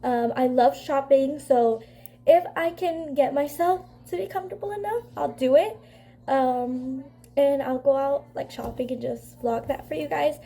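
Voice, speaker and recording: Stuffed up with a cold, a young beauty vlogger talks unhurriedly in a high, dark-toned voice with vocal fry. She rambles casually through her makeup vlog, leaning constantly on fillers.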